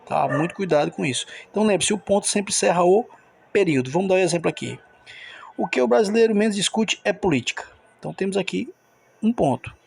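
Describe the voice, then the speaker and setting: A man's voice: high voice, animated, fast talker, gravelly, a little mellow, breathy edge, no room sound. A man teaching a recorded grammar lesson, explaining step by step and checking in with the listener.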